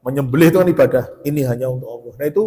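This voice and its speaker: A man's voice: mid-range voice, racing, mellow. A man giving a sermon, telling stories with quoted dialogue and rising to emphatic peaks. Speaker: preacher. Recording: long hall reverb.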